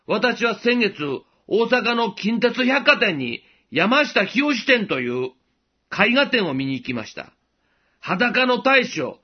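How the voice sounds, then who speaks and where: Male radio preacher, high and lively pitch, earnest and measured delivery, dull lo-fi sound. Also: slightly rough. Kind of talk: short radio devotional message.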